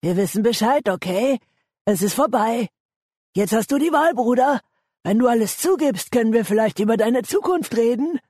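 This is a thug in a thriller audiobook who coaxes with fake friendliness, as a male narrator puts him on. His voice climbs high and pushes forward, with a husky grain. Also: animated, moderate pace, a little mellow, no room sound, clean studio sound, heavily acted. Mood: coaxing. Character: falsely friendly gang thug man.

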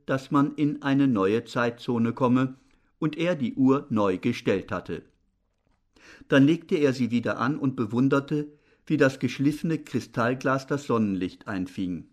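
A male narrator reading a novel aloud in a measured, even storytelling manner. His pitch sits in a typical middle range for a man. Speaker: audiobook narrator. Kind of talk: scripted narration.

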